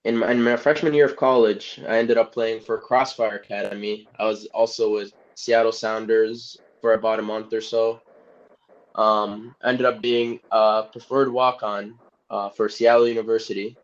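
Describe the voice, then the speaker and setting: This easygoing young man from Egypt, a soccer player, rambles and laughs frequently as a guest in a casual podcast interview. He speaks a little slowly in a lowish, flat voice, and the lo-fi recording sounds dull.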